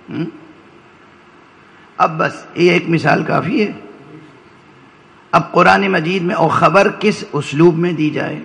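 A man's voice: on the high side, creaky, a bit bright, poor audio. A man giving a religious lecture to a gathering, explaining step by step and checking in with listeners through short rhetorical questions. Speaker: religious scholar addressing a majlis.

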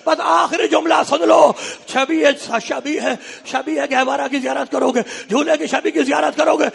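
A man delivering an impassioned mourning sermon, half chanting and crying out in sing-song wails that rise to shouts. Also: extremely high pitch, steady tone, gravelly. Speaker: preacher reciting a mourning sermon. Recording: long hall reverb with faint crowd.

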